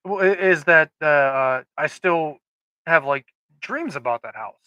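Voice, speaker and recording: A man's voice: a little high, animated, a little slow, bright, forceful tone, clean tone, no echo, highs cut off. A man co-hosting a casual podcast chat, telling rambling stories with frequent restarts. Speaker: podcast co-host.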